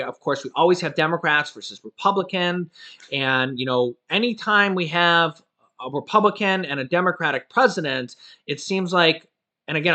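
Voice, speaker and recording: A man's voice: a little high, sharp tone. A man giving casual political commentary in a vlog, rambling and filling his talk with "you know" and "of course". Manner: self-correcting, loose talk. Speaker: vlogger on stimulus news.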